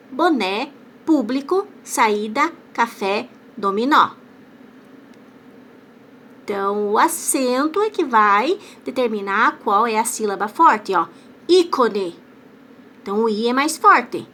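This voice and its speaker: A woman teacher giving a lesson for children, saying each word slowly and carefully. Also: fairly high pitch, bright, forceful tone, a little hiss or hum. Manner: slow, over-articulated words for children. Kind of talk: classroom lesson.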